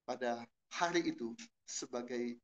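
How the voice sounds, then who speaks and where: A middle-aged man preaching a sermon at a church service, telling a story and asking the congregation questions, shifting from low murmurs to loud exclamations. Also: a little slow, dull audio. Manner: asks the congregation questions and answers them. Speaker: pastor.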